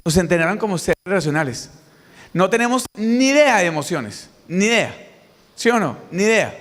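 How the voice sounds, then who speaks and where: A middle-aged man with a Colombian accent gives a motivational conference talk and keeps drawing answers from the audience. His voice sits fairly high. The long reverb of a large hall hangs behind every phrase. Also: moderate pace. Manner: lively, questions the audience directly. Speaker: motivational speaker. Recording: reverberant hall, mic on stage.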